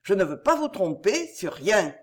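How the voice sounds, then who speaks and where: A woman's voice: mid-range voice, big pitch swings, a little slow. A woman reading aloud and voicing an earnest young male notary who is eager to confess to his intended.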